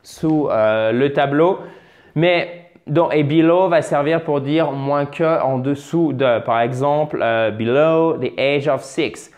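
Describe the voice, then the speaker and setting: Speaking slowly, this man gives an English pronunciation lesson in French at a board, drilling words over and over with patience. His voice sits on the high side and is slightly mellow, and he drifts into chatty asides and self-corrections.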